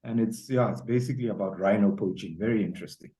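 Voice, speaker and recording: Zambian-born guy in his forties, kinda low voice, lots of ums, being interviewed. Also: fast talker, dark tone, rough recording. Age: 40s. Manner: hesitant, many ums and uhs. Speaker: guest author. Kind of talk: casual interview chat. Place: home, South Africa.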